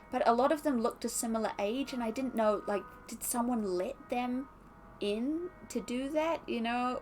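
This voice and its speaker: Chatty young Australian woman streaming. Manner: chatty, reads chat aloud, laughs often, animated with pitch jumps. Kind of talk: casual chat while unboxing.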